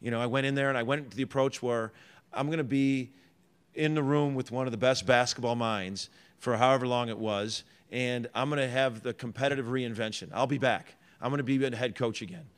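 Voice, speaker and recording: Man, middle-aged, basketball head coach, press conference, earnest, rambling, fillers and restarts, middle pitch. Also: steady tone, a little fast, smooth.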